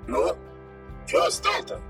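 A man's voice: slow, a bit bright, faint music behind. Man doing a metallic-voiced prankster police car. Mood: mocking. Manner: mocking, teasing. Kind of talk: audiobook character voice.

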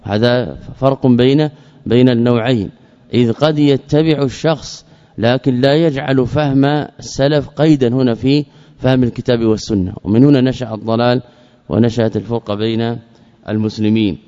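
A man teaching an Islamic creed text as a lesson, measured, often repeating key phrases and asking questions he then answers himself. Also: mid-range voice, fairly even intonation, dark tone. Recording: dull lo-fi recording with long reverb.

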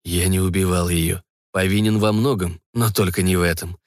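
Man doing a weary low-voiced vampire. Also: steady tone, moderate pace, no echo, studio quality. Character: weary, battered male vampire.

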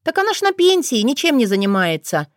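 A woman's voice: high voice, very animated, fairly quick, no echo, studio quality, pitched above the performer's own voice. A woman voicing a spoiled, vain teenage girl in an audiobook, speaking in a petulant, indignant, whiny way. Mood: offhand. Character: spoiled, touchy teenage girl, vain and quick to take offense. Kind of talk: audiobook character voice.

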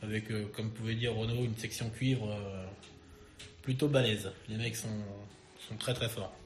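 A man in a band, a guest on a casual radio interview, speaking in a relaxed way. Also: lowish voice, moderate pace, slight background noise.

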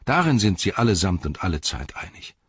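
A thoughtful hobbit speaks low and earnest, keeping his husky deep voice quiet, as a male reader puts him on. The recording is close, dry and a bit dull. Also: very animated, brisk, full character voice. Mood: grave.

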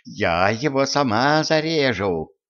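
A man voicing a hot-tempered young nomad woman who yells in a raised, shrill voice. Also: animated, takes it slowly, highs cut off. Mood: furious. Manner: shrieking, furious.

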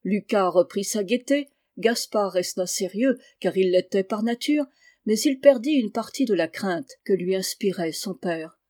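A woman's voice: mid-range voice, a little slow, darkish tone. Woman reading a classic storybook. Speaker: audiobook reader. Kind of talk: storybook narration.

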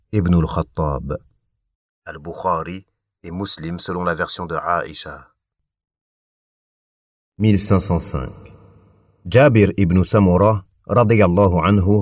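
A man with a deep, low-pitched voice reads a religious text in a calm, measured recitation. He adds formulaic honorifics after names. The sound is close and dry, with no room around it. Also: no room sound. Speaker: audiobook reader. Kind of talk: scripted reading of a religious text.

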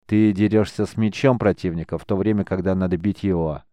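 A man reading an audiobook, voicing a stern grand mage who speaks curtly and slowly. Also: deep voice, fairly even intonation, warm tone, dry recording, studio quality, close to an everyday voice. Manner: curt, stern, slow. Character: stern powerful male grand mage, curt. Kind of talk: audiobook character voice.

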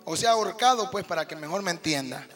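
Folksy Mexican preacher with a bright voice. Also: male voice, high-pitched, animated, fast, faint music behind. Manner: folksy, conversational, keeps addressing listeners as brother. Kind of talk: sermon.

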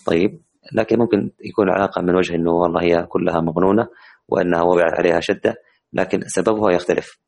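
A man teaching the rules of Quran recitation in an online class, explaining with many hesitant, drawn-out fillers. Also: low-pitched, steady tone, vocal fry, darkish tone.

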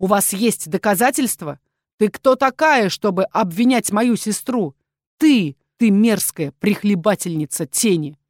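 A woman reading a storybook voices a furious young male druid who shouts and spits insults. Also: mid-range voice, expressive, a little slow, dry recording, clean studio sound. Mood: hissing fury.

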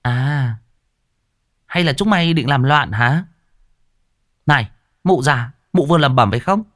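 A man's voice: high voice, sing-song, moderate pace, fairly bright tone, pitched above the performer's own voice. A man voicing a cruel, sneering landlord's wife who scolds and picks fights. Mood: scornful.

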